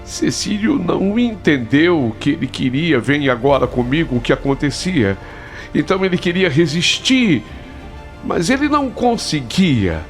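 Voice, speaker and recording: A man narrating a spoken ghost story in a slow, dramatic storytelling manner. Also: a little high, sing-song. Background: faint music.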